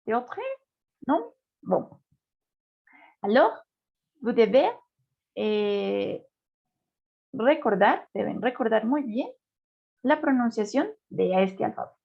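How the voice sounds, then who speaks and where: A woman's voice: a little high, lively intonation, takes it slowly, vocal fry, long pauses, husky. A woman teaching a beginner French class, patiently repeating words for her students to drill. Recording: dull lo-fi sound.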